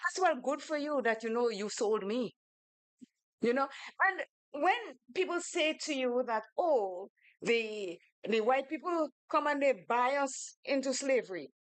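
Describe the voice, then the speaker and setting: A Grenadian woman co-hosting a radio show, telling a story with lively acted-out quotes. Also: high-pitched, unhurried, no echo. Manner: animated storyteller, acts out quoted voices. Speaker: radio co-host. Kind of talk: casual radio talk with storytelling. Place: radio studio.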